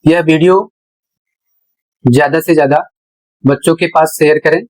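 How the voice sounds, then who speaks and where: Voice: medium pitch, fairly even intonation, moderate pace, a little mellow, poor audio. A teacher giving a pronunciation lesson, spelling out words letter by letter and explaining each one carefully.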